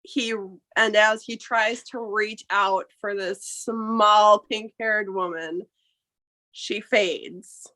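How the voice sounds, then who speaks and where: Brief: female game master, very slow dramatic narration, dry close mic. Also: medium pitch, steady tone, pushed and bright, no room sound.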